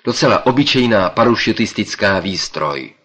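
A man's voice: on the low side, animated, fairly bright tone, breathy edge. A man voicing a curt, brusque older male professor who barks short, commanding replies in a storybook reading. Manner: clipped, commanding.

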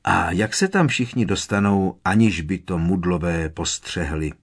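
A curious teenage wizard boy asking questions, as a man reads his lines. The voice stays low and plain. Storybook reading. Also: expressive, husky, exaggerated voice.

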